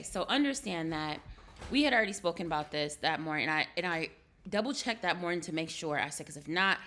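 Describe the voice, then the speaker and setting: A woman's voice: low voice, fairly bright tone, a little hiss or hum. A woman vlogger explaining things casually to her viewers, repeating herself for emphasis. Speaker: vlogger, mother.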